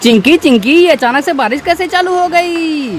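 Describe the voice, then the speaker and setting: A woman voicing an eager, excitable young boy in a cartoon, full of exclamations. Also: high-pitched, moderate pace. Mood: puzzled.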